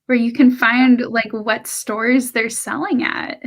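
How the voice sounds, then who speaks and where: Give a woman from the United States with a fairly high voice, chatting over a video call. She tells small everyday stories and sometimes restarts her sentences. She sounds relaxed and friendly. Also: slow, vocal fry. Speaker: co-host of a reading stream. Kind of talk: casual chat on a live stream.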